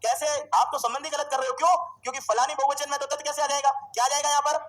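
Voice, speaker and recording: A man teaching a Sanskrit grammar class, drilling students with questions and slowly repeating forms. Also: very high-pitched, flat delivery, a bit bright, rough recording. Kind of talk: classroom lecture.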